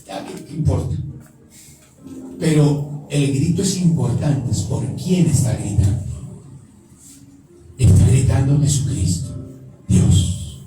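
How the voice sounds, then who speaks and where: A man's voice: mid-range voice, lively intonation, slow pace, long pauses. A man preaching a sermon as pastor, emphatic and putting questions straight to his congregation. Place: church. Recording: echoey hall, distant mic, music behind.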